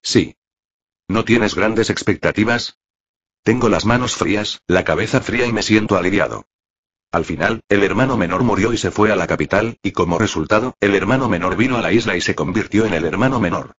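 A man reading a translated web novel aloud in a flat, machine-like way. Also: on the low side, brisk, slightly rough. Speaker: narrator. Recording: dull lo-fi audio.

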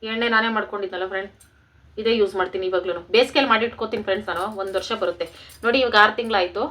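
A woman's voice: medium pitch, very fast, sharp tone, distant mic. A woman with a rural Karnataka Kannada accent, chatting casually to her viewers as friends in a home cooking vlog. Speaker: home vlogger. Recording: roomy home room, off-mic, faint noise.

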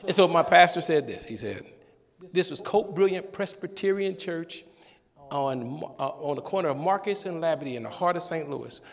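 Animated male preacher in a reverberant church. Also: a little high, moderate pace, gravelly. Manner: animated, humorous storytelling with call-and-response. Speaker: pastor. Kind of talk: sermon. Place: church sanctuary. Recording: long church-hall reverb.

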